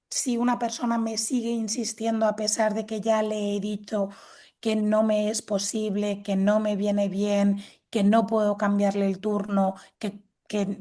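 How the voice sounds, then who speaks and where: A woman's voice: medium pitch, dark tone. A woman, a guest expert patiently explaining assertiveness techniques and acting out example dialogues. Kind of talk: explanatory talk with acted examples.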